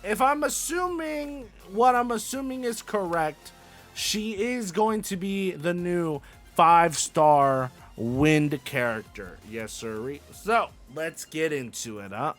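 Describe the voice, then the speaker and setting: A young man riffs through casual gaming commentary in a high voice that swings widely in pitch. He is hyped and playful, leans on slang and keeps repeating catchphrases. Soft music plays under him. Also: lively intonation, takes it slowly. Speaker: gaming YouTuber host.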